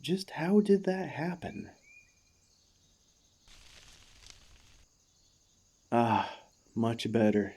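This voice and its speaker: Relief and gratitude colour this fairly high-pitched performance of a devoted warforged ex-gladiator, voiced by a man in an ASMR roleplay. The tone is soft-edged and mellow, the words slow and halting, with formal courtesy and earnest feeling that stirs easily. The construct is emotional, excitable and gentle.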